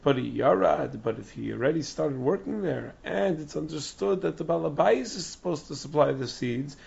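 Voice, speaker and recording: Very hoarse, croaky male Talmud teacher. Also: on the high side, animated, normal speed, darkish tone. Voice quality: raspy, strained, breathy croak. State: hoarse, lost voice. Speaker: religious teacher giving a daily Talmud class. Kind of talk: Talmud lesson, reading and explaining text. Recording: dull, muffled lo-fi recording.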